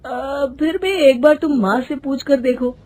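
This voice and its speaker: A woman voicing a calm, reassuring young husband in a storybook. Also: sits high, measured pace, pitched above the performer's own voice. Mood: easygoing.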